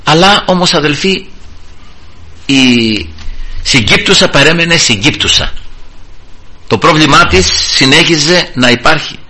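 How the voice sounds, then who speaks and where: A man's voice: on the high side, pauses often, husky. A middle-aged man preaching a sermon to a church congregation, telling personal stories and often calling out to the brothers. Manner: animated, addresses congregation as brothers, tells personal anecdotes. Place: church service.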